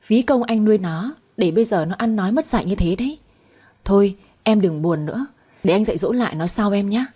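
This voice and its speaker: Old man, stern grandfather and doting husband in a spoken story, read by a woman; breathy, mellow. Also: medium pitch, expressive, a little fast. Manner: scolding toward granddaughter, tender toward wife.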